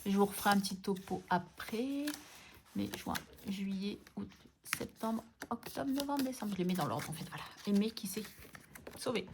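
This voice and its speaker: A woman's voice: medium pitch, animated, moderate pace, background noise. A woman vlogging about her budget envelopes, chatting casually and playfully scolding herself as she sorts things. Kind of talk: casual chat while sorting envelopes.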